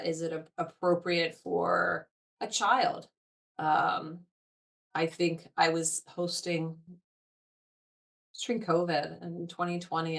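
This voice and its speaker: Woman, chatty, digressive, low-ish voice, a bit distant from the mic. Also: gravelly, a bit bright. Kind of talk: casual conversation.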